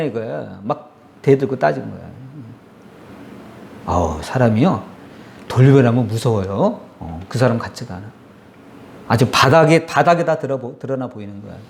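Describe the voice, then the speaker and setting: A man pastor preaching a sermon, telling the story with animated voices for the complaining crowd and asking his congregation questions. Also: mid-range voice, normal speed, gravelly, slight background noise.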